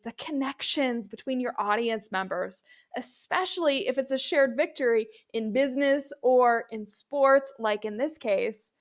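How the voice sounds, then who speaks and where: A woman presenting as a speaking coach, giving instructive video commentary addressed directly to the viewer. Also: high voice.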